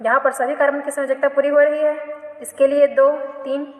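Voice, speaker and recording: A woman's voice: high voice, little pitch movement, brisk, a little mellow. A woman chemistry teacher giving a classroom lecture, asking questions and answering them herself, often repeating and correcting herself. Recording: echoey room, long reverb.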